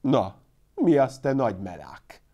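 A man's voice: mid-range voice, big pitch swings, dark tone, muffled recording. A sly, wiry old neighbor, voiced by a male storyteller, with a knowing, teasing way of speaking. His voice sits only a little above the teller's own, a mischievous old-timer from a folk storybook. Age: older.

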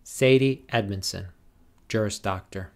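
Slow, measured man reading names. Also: on the low side. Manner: slow, measured, deliberate announcing. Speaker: commencement name reader. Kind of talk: formal reading of graduate names.

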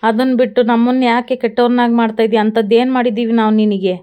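A woman's voice: fairly high pitch, little pitch movement, fast talker, clean tone, lo-fi sound, close to an everyday voice. A woman reading the lines of a bitter older woman from a TV serial in a plain recap voice. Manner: read out plainly in a retelling.

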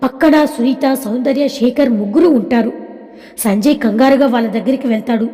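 Woman reading an audio story, kinda high, warm mellow tone, hall echo. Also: brisk. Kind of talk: scripted story narration. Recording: long hall reverb.

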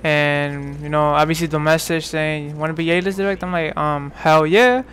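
This gaming commentator, a man in his 20s from New York, has a high-leaning, fairly bright voice with mostly even intonation and a moderate speed. His talk is loose and meandering, full of restarts and filler words, over a faint hiss or hum.

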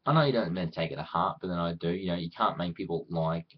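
A man with an Australian accent chats casually to camera as a vlogger, his deep voice quick and breathy on a muffled recording. He rambles and pokes fun at himself, often acting out imagined quotes for his viewers.

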